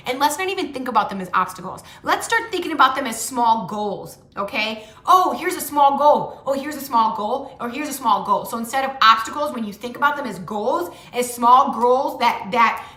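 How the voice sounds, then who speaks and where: Blunt, swearing tarot-reading woman, bright voice. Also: sits high. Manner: blunt, swears freely, drills with repeated "okay?". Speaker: tarot reader and motivational vlogger. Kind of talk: casual tarot reading talk. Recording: echoey room.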